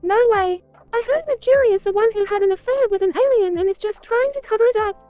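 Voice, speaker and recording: A woman's voice: very high-pitched, quick pace, dull audio, faint music behind. A woman voicing a townswoman spreading catty rumours like office gossip, in a scripted parody drama. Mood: gossipy.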